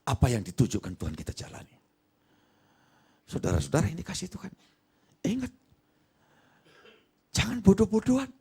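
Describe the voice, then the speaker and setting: A man with an East Javanese Indonesian accent, preaching a lively sermon and acting out dialogue in different voices. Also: high voice, normal speed, long pauses, slightly rough. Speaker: pastor. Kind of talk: lively sermon with acted anecdotes.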